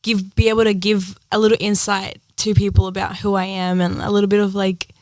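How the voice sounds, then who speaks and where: A young woman from Ecuador chats earnestly as an interview guest, her talk full of "like" and "um." Her voice sits at a middle pitch, and the recording is close and dry. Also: little pitch movement, fairly quick, darkish tone, no room sound. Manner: chatty, earnest, many "like" and "um" fillers. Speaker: singer-songwriter guest. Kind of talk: casual interview chat.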